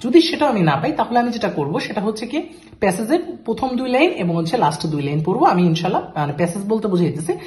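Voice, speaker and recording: A man teaching an IELTS reading lesson, talking through the steps in Bengali and reading the English phrases out slowly. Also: high-pitched, sing-song, darkish tone. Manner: switches between Bengali and English terms, reads English phrases slowly. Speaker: IELTS tutor. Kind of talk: screen-share lesson walkthrough.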